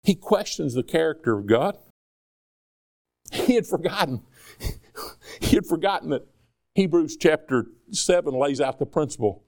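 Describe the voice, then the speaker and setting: A man preaching a sermon in a conversational, animated way, asking the congregation rhetorical questions. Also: on the high side, normal speed, pauses often.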